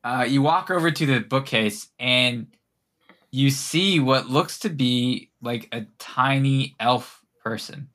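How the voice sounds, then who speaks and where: A man runs a tabletop game as game master. His voice is bright and sharp at an average pitch. He narrates casually and informally. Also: takes it slowly. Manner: informal, swearing.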